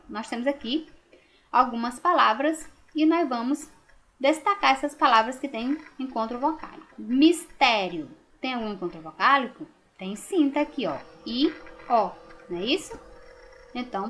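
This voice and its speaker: A woman's voice: on the high side, bright, forceful tone. A woman teacher giving a recorded lesson to young children, speaking patiently and drawing out words. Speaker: primary school teacher.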